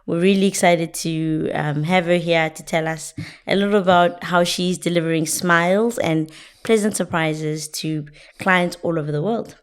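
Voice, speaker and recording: A woman host reading a measured, welcoming show introduction. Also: lowish voice, steady tone, clear, resonant tone.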